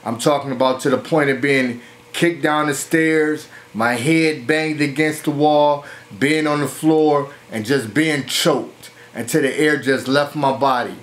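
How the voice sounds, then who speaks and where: A middle-aged man, telling his own life story in a slow, earnest way. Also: on the high side, steady tone. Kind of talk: personal testimony.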